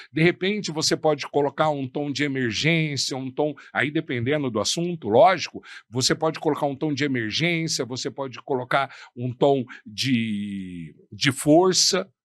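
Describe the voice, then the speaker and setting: A male professor teaching a class, his pitch rising and falling with animated energy. He speaks in a slightly high voice and keeps throwing rhetorical questions to the room. The sound is close and dry. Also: no room sound. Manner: didactic, asks the audience rhetorical questions; uses his hands a lot while talking. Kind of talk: lecture on negotiation.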